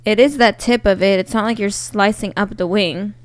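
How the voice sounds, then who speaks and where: A woman's voice: mid-range voice, steady tone, moderate pace, dry recording. A young woman co-hosting a podcast in casual chat, rambling off on tangents and laughing a lot. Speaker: podcast co-host.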